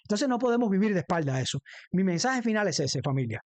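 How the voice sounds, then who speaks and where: A Cuban man, a former defense lawyer now hosting a livestream, delivers an impassioned political monologue, emphatic and rhetorical, repeating phrases for weight. His voice sits high with a sing-song lilt, and he speaks quickly. There is no echo.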